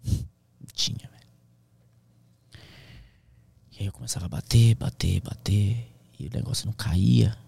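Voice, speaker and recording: Gravelly husky man telling a gripping story. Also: on the low side, fairly even intonation, moderate pace, long pauses, dark tone. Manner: slangy, intense, drops into whispers. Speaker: airplane pilot and author, podcast guest. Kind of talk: emotional storytelling in casual conversation.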